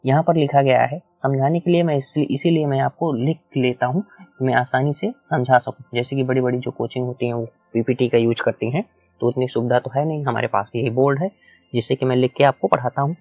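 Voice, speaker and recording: A man's voice: mid-range voice, fairly even intonation, fairly quick, darkish tone, no room sound, soft background music. A man teaching a whiteboard lecture, explaining step by step, repeating key points and asking the class questions. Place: small room with a whiteboard.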